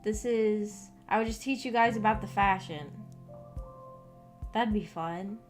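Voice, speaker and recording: A young adult woman chats on a live stream in a rambling, hesitant way, often trailing off mid-thought. Her mid-range voice is unhurried, with guitar music playing in the background.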